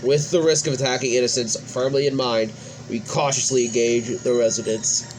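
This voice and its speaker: With music running behind him, a man reads game dialogue for his let's play channel, tossing in casual remarks and sometimes stumbling. He speaks at a moderate pace in a medium-pitched, fairly even voice. The recording quality is low.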